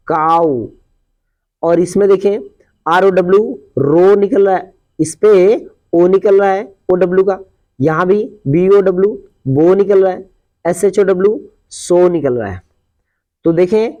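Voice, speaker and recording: Male teacher, high voice, step-by-step classroom explanation, muffled lo-fi recording. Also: darkish tone. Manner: explains step by step, repeats example words slowly. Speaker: English teacher. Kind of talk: classroom pronunciation lesson. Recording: dull lo-fi recording.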